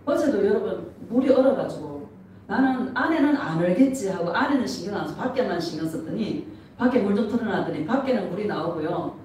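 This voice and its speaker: A middle-aged woman pastor preaching an animated sermon, laughing often and asking the congregation questions. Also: medium pitch, fast, a little hiss or hum. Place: church sanctuary. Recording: echoey church from a distance.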